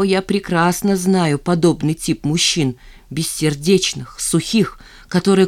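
A fierce, scornful woman in an audiobook scene, her voice raised and biting as she tells an intruder off , as the reader puts her on. Pitched higher and louder than the narration, and cutting. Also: natural voice. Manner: angry, raised voice. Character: furious sharp-tongued woman, hostess.

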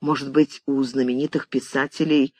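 An audiobook narrator reading a novel in a lively, expressive way. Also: mid-range voice, normal speed, slightly rough, no echo. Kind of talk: scripted narration.

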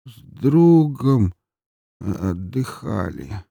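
A man voicing a drunk young man who mumbles, stammers and drags his words out slowly. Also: mid-range voice, sing-song, vocal fry, warm tone, no room sound, pitched above the performer's own voice, full character voice. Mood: drunkenly pleading. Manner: slurred, stammering, drawn-out mumbling.

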